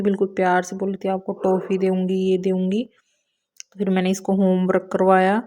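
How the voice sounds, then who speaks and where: A woman and mother telling her daily routine in a calm, casual vlog narration, with many small filler words. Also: medium pitch. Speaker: mother vlogger.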